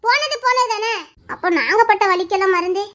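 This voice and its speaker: A woman's voice: very high voice, brisk, fairly bright tone. A woman playing a bitter grown daughter who lectures her parents reproachfully.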